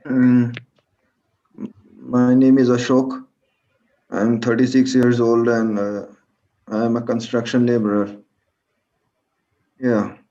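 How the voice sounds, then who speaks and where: An actor playing a quiet male construction laborer in his thirties who speaks in a halting way on a video call. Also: mid-range voice, flat delivery, distant mic, dull audio. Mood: subdued. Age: 30s. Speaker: construction laborer in a therapy group.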